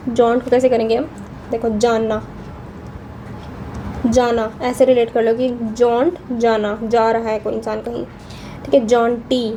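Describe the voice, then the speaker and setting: A woman's voice: a little high, mellow, a little hiss or hum. A young woman teaching vocabulary in a casual Hinglish lesson, chatty and often checking in with her students. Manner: chatty, checks in with frequent "theek hai".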